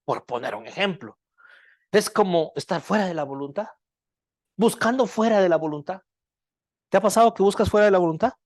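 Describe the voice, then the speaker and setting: A preacher in full sermon mode, pelting the congregation with rhetorical questions and checking in with a steady "right?". The voice sits at a middling pitch and swings between strong lines and hushed, drawn-out ones. It is recorded close and dry, with no room sound around it. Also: no room sound. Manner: checks in with repeated "¿verdad?"; loudness swings widely, dropping to hushed lines.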